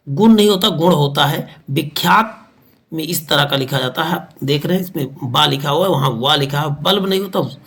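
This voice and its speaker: A man teaching an online exam-prep lesson with an energetic, emphatic delivery, often repeating words for emphasis. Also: a little high, creaky. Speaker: Hindi grammar teacher.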